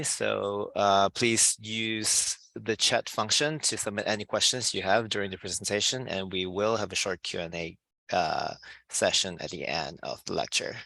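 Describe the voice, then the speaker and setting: A man with a low, gravelly voice hosts a webinar and reads announcements with a few ums. His tone is bright and the sound is dry, as on a video call. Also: no echo, rough recording. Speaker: webinar host.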